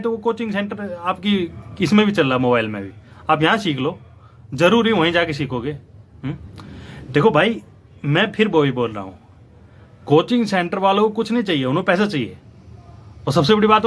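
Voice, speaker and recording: A young Indian man hosts a news channel, lecturing and arguing as he speaks directly to his viewers with opinionated commentary. His voice sits high with a fairly bright tone.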